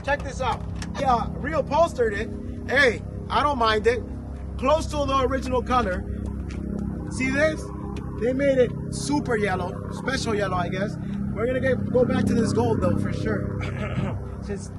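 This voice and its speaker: A man with a high, light voice hosts a casual car walkaround outdoors at an auction lot. He talks eagerly and directly to his viewers, and music plays behind him. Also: a little slow. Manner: enthusiastic, talks straight to viewers. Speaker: car vlog host.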